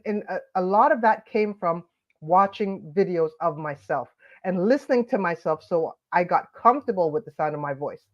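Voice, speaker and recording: A woman hosts her daily live stream on confidence, offering upbeat coaching tips and greeting viewers by name. Her medium-pitched voice comes through lo-fi and sounds nasal and stuffed up from allergies.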